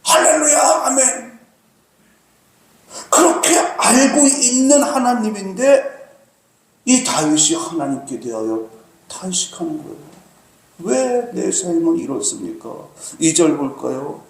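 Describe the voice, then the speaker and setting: A man preaching a sermon as pastor, earnest, with dramatic pauses and slow emphasis. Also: sits high, very animated. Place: church sanctuary. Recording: very echoey church hall, faint noise.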